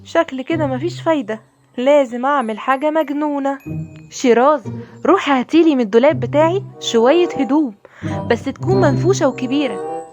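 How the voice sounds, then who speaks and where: A woman with an Egyptian accent voicing a caring, nervous mother in a toy-figure play story for kids, fretting out loud as she goes. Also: sits high, brisk, close to an everyday voice. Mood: worried. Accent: Egyptian Arabic. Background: children's music.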